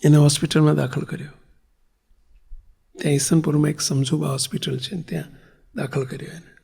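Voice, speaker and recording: A male preacher delivers a sermon, telling a story and pressing his listeners with questions. His voice is high-pitched with a gravelly rasp. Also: level tone, brisk, darkish tone. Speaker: spiritual leader giving a discourse.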